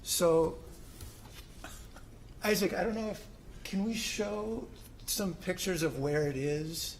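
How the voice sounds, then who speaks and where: With a high, slow voice and some vocal fry, a middle-aged homeowner applicant addresses a city commission about his own plans. His informal presentation in the city hall meeting room is hesitant, peppered with ums and restarts, and slight background noise can be heard.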